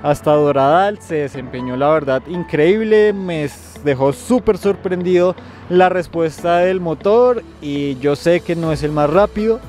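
A young adult man with a Colombian accent hosts a casual, conversational car review, explaining to camera as he goes from inside a car and outdoors by a road. His voice is a little high with a darkish tone and a measured pace, and faint music plays behind him.

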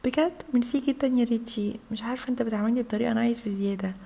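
A woman's voice: a little high, fairly even intonation, rapid-fire, creaky, dark tone. A woman with an Egyptian Arabic accent voicing a polite, cheerful schoolgirl toy doll with a sweet manner.

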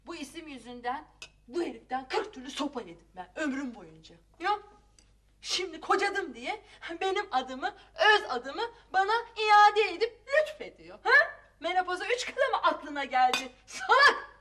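Middle-aged mother, sharp-tongued, bright and forceful. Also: very high voice, expressive, normal speed, full character voice. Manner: scolding, sharp-tongued, flares into shouting. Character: Safiye, fiery middle-aged mother and wife. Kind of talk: TV comedy-drama acting.

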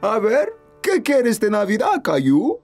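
A woman's voice: on the high side, wildly swooping pitch, slow pace, darkish tone, exaggerated voice. A woman voicing a jolly, kindly old male Santa Claus in a hearty way, with a Latin American Spanish accent, for a children's cartoon. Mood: jolly, welcoming. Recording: music behind the voice.

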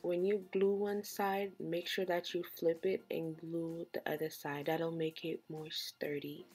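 A woman's voice: on the low side, flat delivery, unhurried, darkish tone. A woman hosting a DIY craft tutorial in a casual, conversational style.

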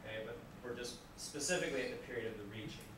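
A man giving a classroom lecture to students, lively and acting out examples as he explains. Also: medium pitch, rapid-fire. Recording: very echoey room, distant mic, background noise.

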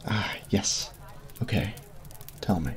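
A male voice actor performs an ASMR roleplay as a sweet, goofy college jock who is the listener's best friend, recorded on a close binaural mic. His voice is low, slow, dark-toned and animated. He teases, yet comes across as earnest, flustered and apologetic.

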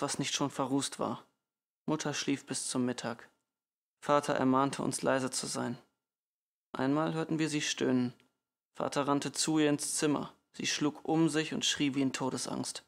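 A man reading a novel aloud in a subdued, measured audiobook narration. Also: medium pitch, level tone, vocal fry. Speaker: audiobook reader.

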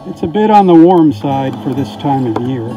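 Standing on the beach in the rain, a man with a slightly high, expressive voice delivers an easygoing, folksy report at normal speed over loud music. The camera mic is enclosed in a weatherproof housing, leaving the sound tinny and muffled, and he closes with blessings.

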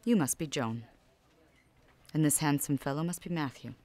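A woman's voice: sits low, moderate pace, a little mellow, close to an everyday voice. A woman playing a polite, composed nanny in a puppet parody.

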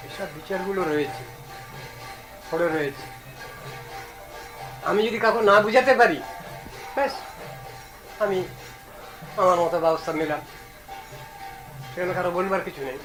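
A man's voice: sits high, fairly bright tone, poor audio. A man giving a devotional discourse as a Vaishnava preacher, emphatic and stern, posing rhetorical questions.

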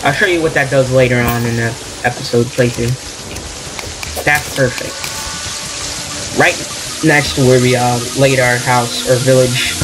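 A young gameplay commentator with a steady, mid-range voice talks unhurriedly, with long pauses, over game music and a noisy background. His casual let's play commentary is rambling and self-deprecating, and he sounds worn out from an hour of hiccups.

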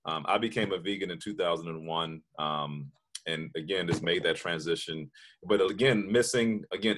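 A deep-voiced man from southern Maryland speaks as a chef on a video-call panel, telling his story with energy and a folksy ease. He talks through a headset from a room at home. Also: a bit bright.

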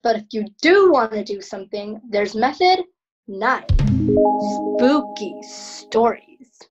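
A woman's voice: fairly high pitch, big pitch swings, moderate pace, muffled recording, faint music behind. A woman announcing comedy segments in a theatrical, playful way. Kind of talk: playful comedy show introductions.

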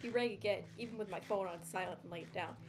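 A woman reads a dramatic story aloud on a live stream, breaking off for sarcastic, profane asides. Her voice sits at a middling pitch, with quiet music playing behind her. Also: quick pace. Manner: sarcastic, swears freely, breaks off to joke. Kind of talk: reading a story aloud with casual commentary.

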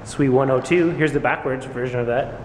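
A man's voice: mid-range voice, steady tone, normal speed, noisy background. A man from Canada vlogging casually with a handheld camera while out shopping in the city, chatty and laughing often. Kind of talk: casual vlog narration. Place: out and about in the city, shops and car.

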